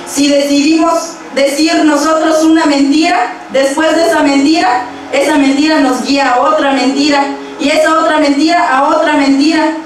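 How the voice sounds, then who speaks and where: Young woman preaching from a pulpit, steady measured delivery, church hall noise around her. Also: sits high. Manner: steady measured preaching, reading verses aloud. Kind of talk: sermon with scripture reading. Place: church stage with pulpit and instruments. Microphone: handheld microphone. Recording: very echoey church hall, from far off.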